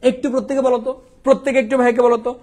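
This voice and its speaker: A young man from Bangladesh teaching a quick exam revision lesson, asking questions and answering them himself. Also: very high voice, fairly even intonation, darkish tone.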